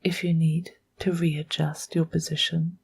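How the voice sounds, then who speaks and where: A woman guides a meditation in a soft, breathy, whispery voice, hushed and measured, with long pauses between short phrases. Her voice sits low with little pitch movement.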